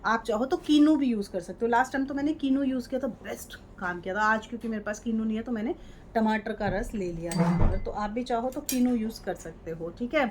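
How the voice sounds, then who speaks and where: Woman, 30s, chatty tutorial presenter, high-ish voice, close mic, faint hum. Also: brisk. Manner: chatty, repeats "ठीक है" and "ये देखो". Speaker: home remedy presenter. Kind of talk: casual how-to demonstration. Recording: light background noise.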